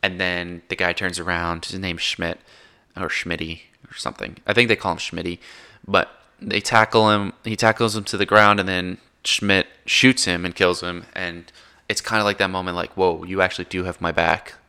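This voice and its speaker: A man's voice: low voice, flat delivery, normal speed, bright, forceful tone, clean tone. A man in his twenties casually retelling a war film, rambling and correcting himself as he goes. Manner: rambling, self-correcting, frank. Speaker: film recapper.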